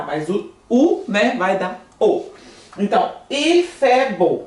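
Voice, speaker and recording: A woman's voice: mid-range voice, roomy sound, far from the mic. A woman teaching an online language lesson, talking to her students and often checking that they follow. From Brazil. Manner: lively, asks students often. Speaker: French teacher. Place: room, in front of a screen.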